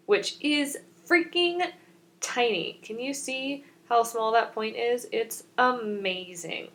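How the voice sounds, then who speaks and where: A beauty vlogger in her twenties chats through each step of her makeup, rambling and poking fun at herself. Her voice is on the high side.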